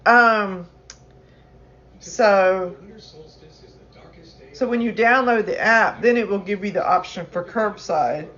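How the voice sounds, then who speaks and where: A woman's voice: mid-range voice, slow, pauses often, fairly bright tone, lo-fi sound. A woman chatting casually on a phone live stream, rambling with many restarts. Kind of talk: casual chat.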